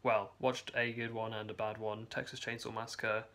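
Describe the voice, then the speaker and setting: Young male vlogger, gravelly, hesitant and rambling, phone held close in a basement. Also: on the low side, level tone, moderate pace, fairly bright tone. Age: young adult. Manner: rambling, hesitant, many restarts. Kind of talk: casual video diary. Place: home basement, indoors. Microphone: phone camera held close.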